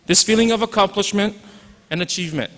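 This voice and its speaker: Talking fast in a high voice, a Hawaiian-accented teacher in his forties gives a casual graduation speech with joking remarks and a bit of Pidgin. The speech takes place in a large hall, and the audio is reverberant.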